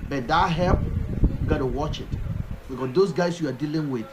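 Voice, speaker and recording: A man's voice: on the high side, normal speed, noisy background. A man hosting a call-in talk show, talking emphatically and firing off rhetorical questions. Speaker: show host.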